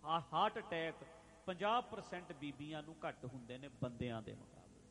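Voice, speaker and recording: A man preaching a religious sermon, addressing listeners directly, repeating phrases and chanting scripture lines slowly. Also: fairly high pitch, bright, forceful tone. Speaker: Sikh preacher.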